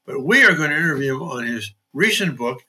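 An older man, a priest, hosting a podcast interview, with dry humor and frequent throat clearing. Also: a little high, lively intonation, brisk, pushed and bright. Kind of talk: conversational interview.

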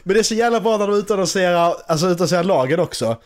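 A young man chatting casually with a friend, his voice sitting high and jumping around a lot in pitch. He laughs easily, swears freely and bursts into loud announcer impressions. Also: animated. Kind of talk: casual chat.

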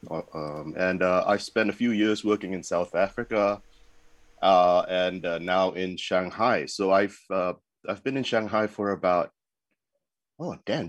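A man's voice: deep voice, no echo. A man in his forties from Singapore, a guest chatting casually about his career in a remote interview, rambling with many fillers and restarts. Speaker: guest, advertising creative.

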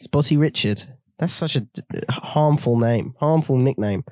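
A man's voice: medium pitch, a little slow, a little mellow, no echo, clean studio sound. A man co-hosting a podcast, joking and rambling in casual drunken chat. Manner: jokey, giggly, rambling. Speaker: podcast co-host. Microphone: studio mic.

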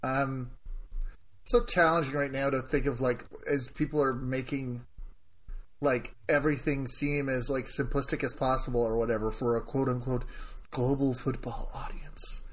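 A man's voice: mid-range voice, fairly even intonation, moderate pace. A man co-hosting a casual soccer podcast, hesitant and searching for words with many fillers. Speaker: podcast co-host. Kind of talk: casual sports chat.

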